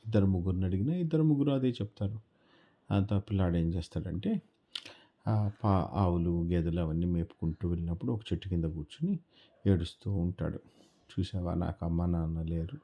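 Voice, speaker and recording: A man telling a children's story in a relaxed, repetitive oral style. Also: sits low, a little fast, lo-fi sound. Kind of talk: casual children's story narration.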